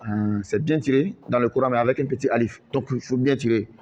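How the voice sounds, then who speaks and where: Through lo-fi sound, a man with a mid-range, darkish voice leads a French-language lesson in Quran recitation. He speaks slowly, repeats each word over and over, and extends the syllables as he recites.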